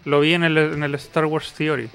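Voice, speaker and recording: Laid-back Chilean man, slightly high voice. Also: level tone, moderate pace, gravelly, fairly bright tone, clear, resonant tone. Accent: Chilean Spanish. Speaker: streamer co-host. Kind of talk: casual chat.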